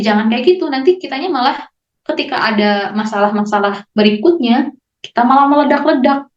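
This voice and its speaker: High-voiced woman gently teaching calm. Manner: calm, gently instructive, repeats fillers. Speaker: parenting speaker. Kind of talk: casual talk on managing emotions. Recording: echoey room, slightly dull sound.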